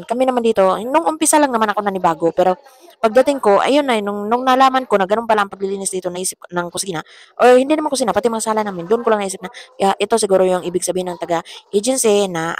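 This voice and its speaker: A young Filipino woman vlogger whose voice is hoarse after a fever, chatting in a casual voice-over and laughing often. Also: mid-range voice. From Philippines. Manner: chatty, laughs often, says "char" as a tag. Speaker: vlogger, domestic worker abroad.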